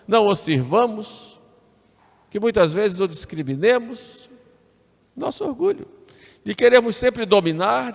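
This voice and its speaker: A man's voice: high voice, gravelly. A male priest delivering a homily in a conversational sermon style, repeating phrases and adding tag questions as he speaks. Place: church. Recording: echoey church with long reverb.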